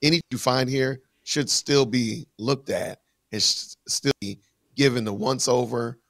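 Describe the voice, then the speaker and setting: A man with a gravelly edge to his voice talks casually on a livestream. He walks through things step by step, with fillers and restarts along the way. The sound is dry and close. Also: mid-range voice, measured pace, a bit bright, dry recording. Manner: conversational, explains step by step with fillers.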